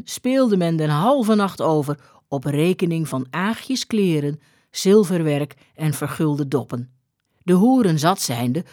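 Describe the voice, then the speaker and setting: A woman reading an old-fashioned story aloud in a measured, deliberate way. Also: fairly low pitch, darkish tone, no echo, clean studio sound. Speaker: reader.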